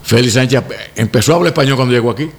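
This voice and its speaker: A Dominican man co-hosts a news talk show, reading headlines and jumping into the debate. His gravelly voice sits at a middle pitch, and he speaks with emphatic insistence. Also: racing.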